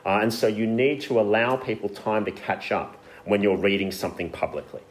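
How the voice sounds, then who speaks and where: A man's voice: fairly low pitch, steady tone, a little fast. A man leading a workshop on public Bible reading, talking casually with frequent fillers to a group in a room. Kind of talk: informal teaching to a group. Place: meeting room with an audience, also streamed online.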